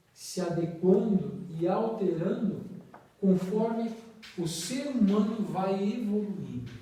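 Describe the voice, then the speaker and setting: A man with a Brazilian Portuguese accent gives a slow, measured spiritist talk, his phrase ends fading away. His voice sits fairly high for a man, yet sounds dark and mellow. He is heard from across a strongly echoing room. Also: far from the mic. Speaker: spiritist study leader.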